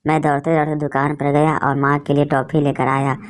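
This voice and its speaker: A woman narrating an emotional story in a steady, feeling storytelling manner. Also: low voice, a little fast.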